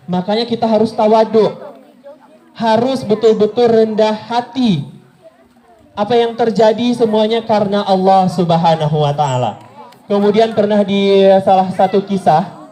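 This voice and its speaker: A man preaching a lively sermon to school students, telling stories, acting out quotes and asking the audience questions. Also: high-pitched. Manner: animated storytelling, asks the audience questions, acts out quotes.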